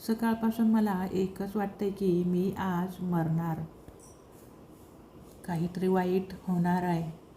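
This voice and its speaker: A woman reading the part of a gentle young husband who senses his own death, speaking calmly and softly in a storybook. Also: lowish voice, takes it slowly, pauses often, slight background noise. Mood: foreboding.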